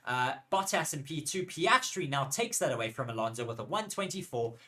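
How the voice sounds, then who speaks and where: Male co-host for a live race stream, mid-pitched, chatty and excitable, jokes with the chat. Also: fairly quick. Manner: chatty, excitable, banters with viewers. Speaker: co-host and F1 commentator. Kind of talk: live race commentary watchalong.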